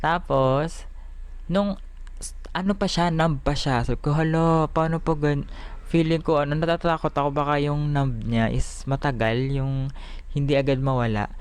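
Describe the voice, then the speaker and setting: A Filipino vlogger chatting casually in Taglish, giggly and animated, talking with missing front teeth. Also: mid-range voice, moderate pace, clear, resonant tone. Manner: talks with missing front teeth after an extraction; Taglish, mixing English phrases into Tagalog. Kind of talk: casual chatty daily vlog.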